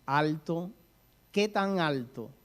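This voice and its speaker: Male preacher, sermon delivery, storytelling, questions to the congregation, slightly high voice. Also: animated, takes it slowly.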